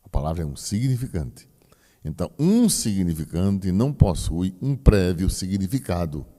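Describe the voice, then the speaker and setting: A man's voice: low-pitched, sing-song, moderate pace, warm tone. A priest giving a teaching talk to a group, explaining with folksy asides to his listeners. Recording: long hall reverb.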